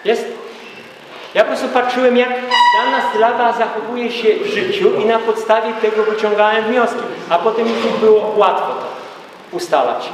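A man's voice: sits high, moderate pace, very noisy. A man lecturing to a live audience in an emphatic way, throwing out rhetorical questions. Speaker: speaker at a gathering. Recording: echoey hall from far off.

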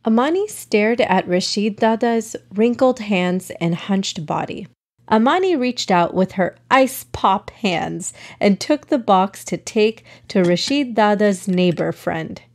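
A woman reading a children's story aloud as host of a kids' podcast. She takes a slow, unhurried pace and shapes each line expressively, her pitch medium. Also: a little mellow. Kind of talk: storybook narration.

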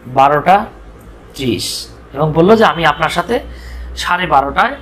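Man, Bangladeshi accent, English tutor, bright slightly high voice, slow careful reading, playful asides. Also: expressive, slight background noise. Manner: playful, teasing asides while explaining; reads English lines slowly, then explains in Bengali. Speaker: English teacher. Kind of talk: explaining a story line by line.

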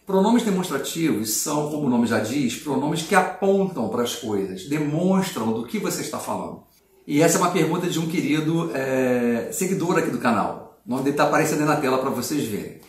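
A middle-aged man teaches a relaxed video lesson and lays out each point patiently and clearly. His voice sits a bit high for a man. It carries the echo of a room and sounds set back from the mic. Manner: clear, patient explaining with slow model sentences. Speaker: English teacher. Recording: echoey room, mic at a distance.

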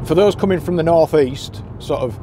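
A man with a slightly high voice, speaking at a normal pace, gives practical, chatty directions to anglers while driving. He acts as a boat skipper's guide, offering casual commentary from the road. Car and road noise can be heard in the background.

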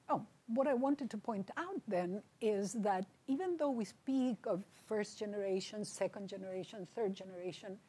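A woman's voice: mid-range voice, dark tone, slightly rough. An older woman from Chile whose first language is Spanish, giving a conversational academic presentation in a lecture hall and checking in with her listeners. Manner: conversational, checks in with "right?" and "okay?". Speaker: lecturer on bilingualism.

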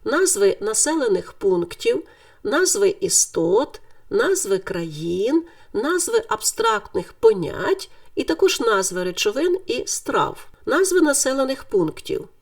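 A woman teaching a Ukrainian grammar lesson in clear, deliberate scripted speech, stressing the word endings. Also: fairly high pitch, sing-song, far from the mic.

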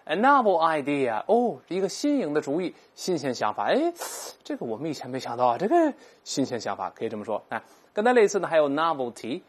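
An English teacher, giving a recorded vocabulary lesson and explaining patiently, repeating each English word slowly aloud for learners. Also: medium pitch, wildly swooping pitch, darkish tone, breathy edge.

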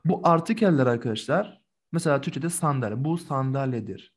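A patient male teacher leads a remote German lesson over a video call. He calls out words one by one and praises the answers he gets back. His pitch rises and falls freely as he talks. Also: expressive, brisk.

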